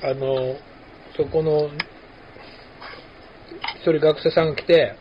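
A man's voice: on the high side, fairly even intonation, takes it slowly. A man from hosts a podcast, chatting casually and explaining things with examples. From Kumamoto, Japan. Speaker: podcast host. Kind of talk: casual chat. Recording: dull lo-fi sound with faint noise.

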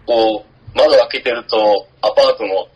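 A man in casual chat, speaking hesitantly and haltingly with frequent fillers. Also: on the low side, husky. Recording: slightly dull lo-fi audio.

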